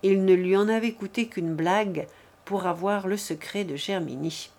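A woman narrating a literary novel as an audiobook, reading in a measured, deliberate way. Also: mid-range voice, darkish tone.

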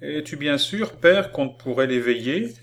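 Guy reading a willful little girl, high pleading voice, kinda defiant. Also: lively intonation, moderate pace. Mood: earnest childlike. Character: spirited, stubborn little girl.

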